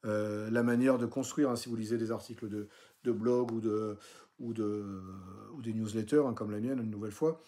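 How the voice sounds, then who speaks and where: A man's voice: fairly low pitch, fairly even intonation, normal speed, dark tone. A man coaching viewers in a casual talking-head video, chatty, with many fillers and restarts and punchy emphasis on key points. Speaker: career coach for civil service exams.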